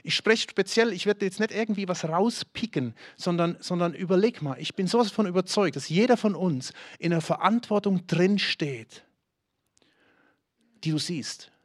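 A man's voice: high voice, animated, moderate pace, no echo, clean studio sound. A man preaching a sermon with urgency, challenging listeners directly and acting out the voices of their excuses.

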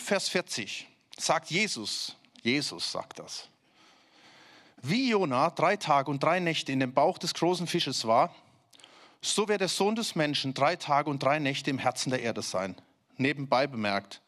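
A man preaches in a loose, chatty way, his voice sitting somewhat high. He puts questions straight to his listeners and sinks low and slow when he wants a point to land. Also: a bit bright. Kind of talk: sermon.

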